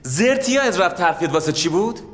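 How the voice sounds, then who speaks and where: A man's voice: high voice, expressive, long reverb tail. An actor playing a defensive man who brushes off his friend's anger. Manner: defensive, dismissive. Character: defiant young man brushing off blame. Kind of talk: TV drama acting.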